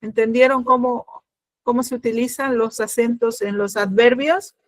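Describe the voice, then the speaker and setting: A middle-aged woman teaching a grammar lesson, explaining patiently, often pausing with fillers and checking that students follow. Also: a little high, steady tone, no room sound.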